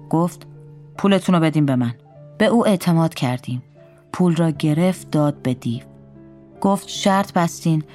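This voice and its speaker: A woman reading a first-person story aloud in a calm, wry storytelling manner. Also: deep voice.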